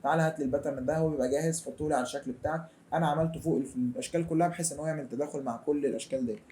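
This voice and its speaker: A young man with an Egyptian accent gives a chatty, colloquial software tutorial over a screen recording. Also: a little high, steady tone, racing, a little hiss or hum. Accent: Egyptian Arabic. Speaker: design tutor.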